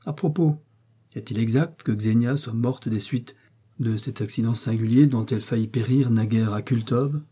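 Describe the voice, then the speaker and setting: A man reading an audiobook, voicing a domineering, coldly ironic prince with a dark, husky voice. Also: mid-range voice, normal speed, close to an everyday voice. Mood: cold, commanding. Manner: commanding, cutting and sarcastic.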